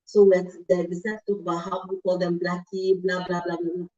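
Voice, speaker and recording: A middle-aged woman hosting a talk show, animated, with many asides and self-corrections. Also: fairly low pitch, fast, dull audio. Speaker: host.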